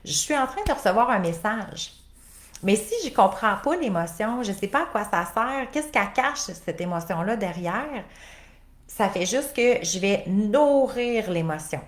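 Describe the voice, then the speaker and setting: A woman's voice: mid-range voice, expressive, unhurried. Québécois woman coaching in a roomy space. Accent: Québécois French. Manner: conversational, many fillers, rhetorical questions. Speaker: life coach. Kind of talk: live coaching talk to viewers. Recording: roomy echo.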